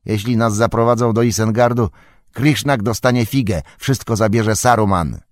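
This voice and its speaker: A man's voice: lowish voice, normal speed, no echo, lightly acted. A man voicing a shrewd young male hobbit who argues urgently in an audiobook. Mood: defiant.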